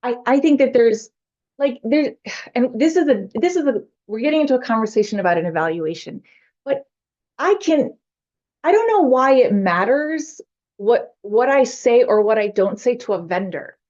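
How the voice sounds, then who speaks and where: Woman, village trustee, high voice, passionate, combative, dull lo-fi meeting recording. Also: animated, moderate pace, a little mellow. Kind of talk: heated public meeting debate. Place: village board meeting room.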